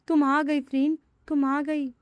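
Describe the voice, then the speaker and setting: A woman's voice: high voice, level tone, measured pace, no echo, highs cut off. A woman voicing a heartbroken young lover who pleads tearfully.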